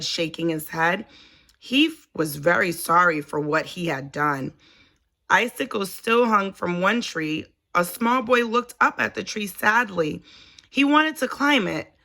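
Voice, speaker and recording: A woman who reads storybooks and teaches reads a children's story aloud in a mid-range voice, telling it in an expressive, deliberate way.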